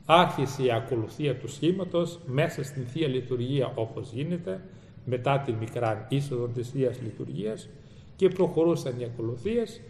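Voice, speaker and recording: A man's voice: medium pitch, expressive, creaky, darkish tone, slight background noise. A man preaching and retelling a story dramatically, using formal church phrasing. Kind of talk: sermon storytelling. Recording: echoey hall with faint ambience.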